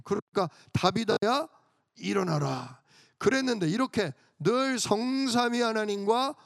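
A man's voice: high-pitched, no room sound, clean studio sound. A male pastor preaching a storytelling sermon who keeps asking his congregation questions and answering them himself. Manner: storytelling, emphatic.

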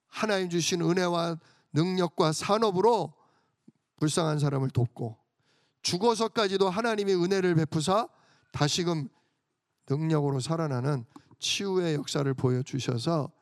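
A man's voice: fairly high pitch, no room sound, clean studio sound. A male pastor preaching a storytelling sermon who keeps asking his congregation questions and answering them himself. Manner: storytelling, emphatic.

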